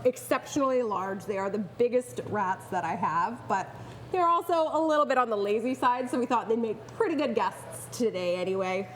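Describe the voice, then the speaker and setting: A woman with a slightly high, lively voice talks at a moderate pace as a guest expert in an interview, a pet rat owner and rescuer. She's playful, enthusiastic and informal, and the poor audio carries a faint hiss or hum.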